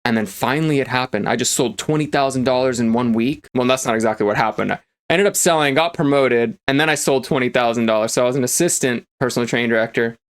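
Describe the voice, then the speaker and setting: A man plays a motivational coach in a casual, energetic monologue, emphatic and packed with fillers, with occasional swearing for emphasis. His mid-range voice is clear and resonant, and he talks fast with hardly any pauses.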